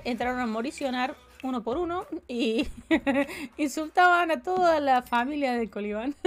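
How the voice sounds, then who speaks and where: A woman in her forties with a Córdoba Argentine accent, chatting playfully with her viewers while she plays a game, humming sing-song fillers. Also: high voice. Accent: Córdoba Argentine Spanish. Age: 40s. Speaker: streamer. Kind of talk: casual live-stream chat while playing.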